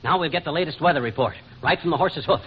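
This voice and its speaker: An actor playing a blustering, scheming, easily exasperated husband in a vintage radio comedy. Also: male voice, on the high side, fast talker, slight background noise, natural voice. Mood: excited, complaining. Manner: blustery, folksy exclamations. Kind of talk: 1950s radio comedy acting. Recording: muffled old radio before studio audience.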